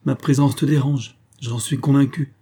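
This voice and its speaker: A man reading an audiobook, voicing a taunting blackmailing swindler in a raised, loud voice. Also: medium pitch, steady tone, normal speed, husky, voice pushed up. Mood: mocking. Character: mocking blackmailing swindler, male adult.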